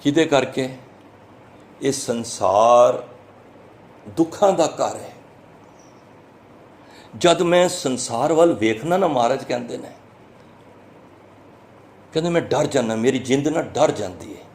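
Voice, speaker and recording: A man with a Punjabi accent giving a sermon, explaining scripture line by line in an earnest, teaching manner and drawing verses out slowly before he explains them. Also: mid-range voice, animated, darkish tone, a little hiss or hum. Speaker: Sikh preacher giving scripture commentary.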